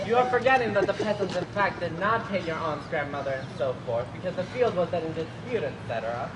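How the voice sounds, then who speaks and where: A man's voice: high-pitched, expressive, moderate pace, long pauses. Blustering old father figure, read by a young man in a noisy courtyard. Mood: patronizing. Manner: blustering, patronizing, bursts into yelling. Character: blustering older male landowner father. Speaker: student actor. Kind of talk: live outdoor play reading. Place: outdoor courtyard. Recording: echoey outdoor sound with crowd noise.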